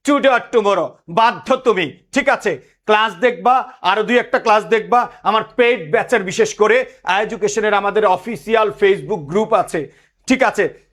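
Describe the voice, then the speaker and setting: A man's voice: sits high, fairly bright tone. A man, teaching a lecture and quizzing students with repeated questions. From Bangladesh.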